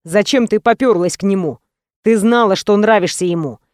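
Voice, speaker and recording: A woman voicing a confident, jealous young man who is her narrator's former lover, speaking low and reproachfully. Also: normal speed, darkish tone, no echo, clean studio sound, natural voice.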